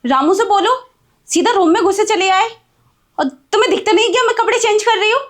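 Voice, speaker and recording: A woman's voice: extremely high pitch, brisk. A woman playing a blind housewife who scolds and rebukes indignantly in a melodramatic drama.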